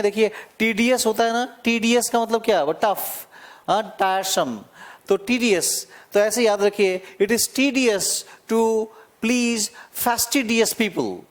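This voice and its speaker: Male teacher, high voice, slow drawn-out explaining for an exam-prep lesson, repeats key words. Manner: explains slowly, drawing out key words and repeating them, checking in with "है ना?". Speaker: English teacher.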